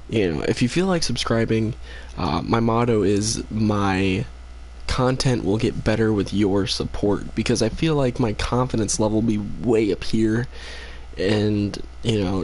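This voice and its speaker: On the low side, this tired young man's voice carries slight background noise as he streams a game late at night. He chats casually with viewers, rambling and relaxed, using many fillers and reading the chat out loud.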